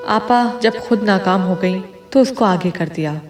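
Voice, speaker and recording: A woman narrating an audio novel in a steady storytelling voice. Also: mid-range voice, unhurried, faint music behind. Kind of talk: scripted narration.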